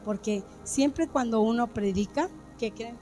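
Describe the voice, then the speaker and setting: A woman's voice: a little high, a little slow, mellow, faint music behind. A woman pastor preaching a sermon, asking the congregation questions and acting out the dialogue of an anecdote. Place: church.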